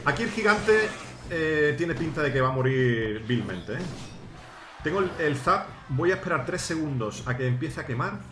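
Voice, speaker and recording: Male gaming host, fairly high voice, energetic play-by-play that jumps to shouts, echoey room with game music under it. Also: moderate pace. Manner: coaching teammates, bursts into shouting at big plays. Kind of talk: excited live gameplay commentary. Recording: roomy sound with game music.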